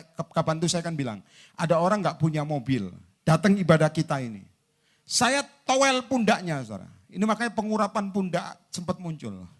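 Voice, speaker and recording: Guy preaching in a big church hall, kinda high voice, super lively pitch, acts out both sides of the conversation. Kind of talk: lively sermon. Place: large indoor church hall.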